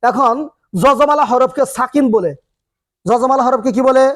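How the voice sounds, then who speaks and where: A man's voice: very high voice, normal speed, fairly bright tone. A man teaching Quran reading in a classroom, asking the students questions and answering them himself as he repeats each rule. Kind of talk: classroom lesson.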